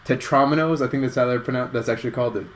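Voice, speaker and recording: A man hosting a casual online show, pitching a movie idea in a rambling, self-correcting way. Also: racing, slight background noise. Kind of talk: casual comedic chat.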